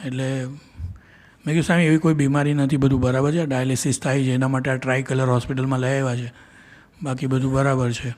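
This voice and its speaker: At a devotional gathering, a middle-aged Indian devotee tells of his personal memories in a spiritual testimony, voicing quoted exchanges and often restarting his sentences with earnest intent. His mid-range voice is a little mellow, flat in delivery, and brisk.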